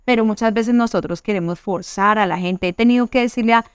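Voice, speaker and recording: Earnest woman preaching, smooth dry voice. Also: mid-range voice, fairly quick, no room sound. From Colombia. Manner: earnest, acts out quoted church women. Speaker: youth pastor. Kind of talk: preaching to a youth meeting.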